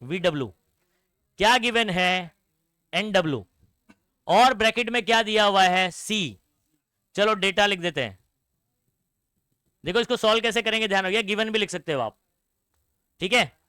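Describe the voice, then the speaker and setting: Speaking high and animated at a moderate pace, this young male science teacher pauses often, his sharp tone captured in a dry recording. He blends Hindi with English terms, fires call-and-response questions at the class, and scolds students.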